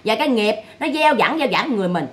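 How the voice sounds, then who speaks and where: A woman's voice: a little high, expressive, fast talker. A woman, scolding and mocking someone in a vlog monologue full of rhetorical questions. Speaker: vlogger commenting on family drama.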